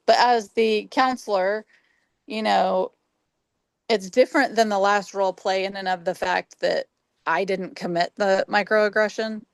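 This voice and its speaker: A woman talking as a trainee counselor in a supportive, encouraging therapist-like manner, casual and reflective, with a creaky voice. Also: medium pitch, fairly even intonation, a little slow, dry recording. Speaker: trainee counselor in a practice role play. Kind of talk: casual, reflective discussion and counseling role play.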